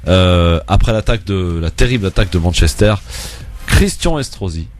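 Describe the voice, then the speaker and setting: A man hosting a casual radio talk show, asking guests lively, teasing questions with many fillers. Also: sits low, normal speed.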